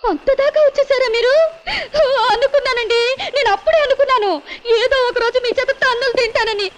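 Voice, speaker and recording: An actress playing a devout young wife with a plaintive, pleading way of talking. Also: female voice, extremely high pitch, steady tone, a little hiss or hum. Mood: hurt. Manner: plaintive, pleading, quick to complain. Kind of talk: 1990s film drama acting.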